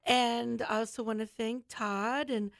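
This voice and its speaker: A woman hosting a talk show, with a somewhat high voice and a dry, close sound. She talks in a chatty, effusive way and praises her guests warmly. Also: level tone, unhurried, gravelly, no echo.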